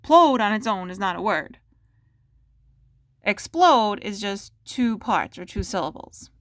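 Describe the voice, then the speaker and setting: A woman teacher giving a phonics lesson to young children, sounding out the parts of words slowly and clearly and asking the listener questions. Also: medium pitch, lively intonation, fairly bright tone, dry recording, studio quality. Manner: patient, asks the listener questions.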